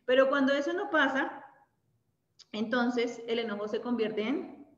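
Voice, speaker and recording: Leading a women's Bible study, this Colombian-accented woman sounds animated yet unhurried, with a voice that sits high. She keeps it conversational, checking in with listeners and finishing points with tag questions, in an echoey room captured with dull lo-fi sound.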